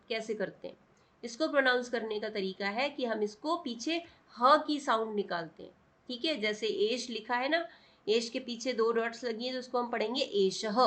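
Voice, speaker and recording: A woman's voice: fairly high pitch, a bit bright. A woman teaching a class lesson, patient and repeating checks for understanding. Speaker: Sanskrit teacher. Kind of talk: classroom explanation.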